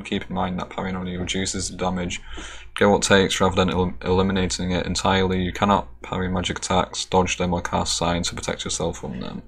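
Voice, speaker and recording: A man streaming a game with casual, slangy commentary, reading bits aloud, who cannot say his r's and sounds them like w. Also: low voice. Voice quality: cannot pronounce r, says w for r. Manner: slangy, reads on-screen text aloud between remarks. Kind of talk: casual live gameplay commentary. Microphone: streaming microphone with adjustable gain. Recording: loud background noise.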